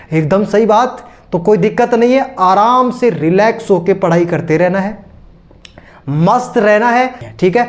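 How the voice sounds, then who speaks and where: A man's voice: high voice, a little mellow. A man teaching physics in a casual, encouraging lecture, talking to his students as kids.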